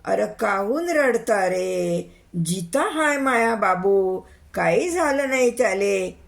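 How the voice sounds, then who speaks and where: A woman voicing a stubborn old village grandmother over 70 with a Varhadi Marathi accent, scolding in a slow drawl. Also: fairly high pitch, expressive, pitched above the performer's own voice.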